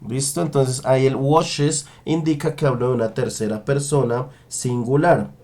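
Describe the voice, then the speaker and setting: A man teaching an English lesson, slowly drawing out example sentences and checking in with his students often. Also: mid-range voice, fairly even intonation, a little mellow. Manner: slow, drawn-out model sentences in English. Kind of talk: online language lesson.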